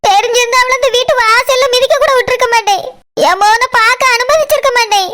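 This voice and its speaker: A woman's voice: very high-pitched, quick pace, sharp tone. A woman voicing a grieving, stubborn middle-aged village mother in a cartoon, speaking with a Tirunelveli Tamil accent in a tearful, wailing way. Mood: pleading hurt. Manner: tearful, wailing lament, defiant. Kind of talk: cartoon voice acting.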